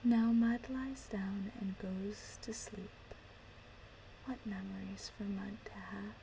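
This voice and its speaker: Casting: woman, soft breathy ASMR whisper, very slow and gentle, close-miked, clear background noise. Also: medium pitch, fairly even intonation, rough recording. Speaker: ASMR performer. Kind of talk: whispered ASMR, reciting and chatting. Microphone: close microphone, ear to ear.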